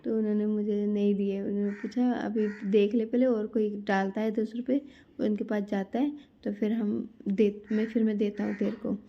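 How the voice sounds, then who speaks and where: Gravelly chatty woman vlogger. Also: medium pitch, flat delivery, moderate pace, lo-fi sound. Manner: chatty storytelling, addresses viewers as guys. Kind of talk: casual vlog narration.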